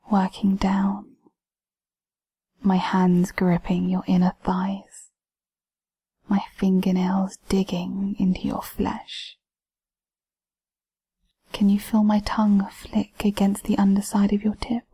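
Slow, breathy whispering woman. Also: medium pitch, dark tone. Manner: whispering throughout, giving slow commanding instructions. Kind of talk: whispered intimate audio roleplay.

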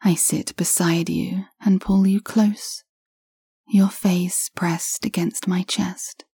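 A woman narrating an audio story to the listener in a soft, slow, intimate whisper. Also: lowish voice, steady tone, husky, dry recording, clean studio sound.

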